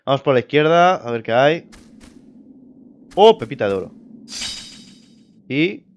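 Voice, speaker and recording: A young man giving casual let's play commentary, excitable and quick to swear. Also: mid-range voice, highs cut off. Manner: excitable, swears, laughs at scares. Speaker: gamer.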